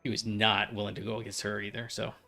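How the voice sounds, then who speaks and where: A man's voice: lowish voice, completely flat delivery, fast talker, pushed and bright, faint music behind. Chatty man rambling over gameplay. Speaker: let's play host. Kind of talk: casual gameplay commentary.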